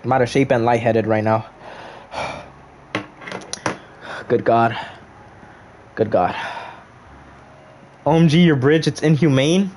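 A man's voice: mid-range voice, slow, long pauses, darkish tone, a little hiss or hum. A young man chatting casually on a gaming livestream, greeting viewers and breaking into melodramatic outbursts.

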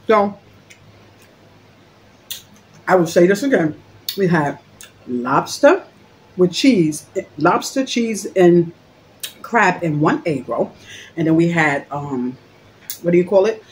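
A woman's voice: fairly low pitch, expressive, slow, long pauses, a little hiss or hum. A woman hosting a mukbang, chatting casually and joking while she eats and talks with her mouth full, recorded on a phone. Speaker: mukbang host. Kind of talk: casual eating-show chat.

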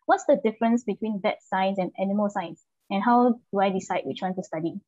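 A woman moderating an online info session, brisk and polite as she hands over to speakers. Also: medium pitch, a little mellow, dry recording. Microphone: video call with earphones. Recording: dull, dry video call audio.

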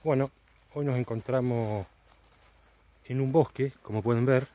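A man's voice: medium pitch, measured pace, warm tone. A middle-aged man with an Argentine accent talks in a casual vlog style. He is recorded outdoors in woodland at night, hosting an exploration.

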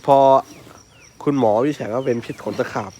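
A man's voice: mid-range voice, fairly quick, slight background noise. A man, telling a story in casual chat with frequent exclamations. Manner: animated, exclaims often. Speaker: elephant mahout and channel host.

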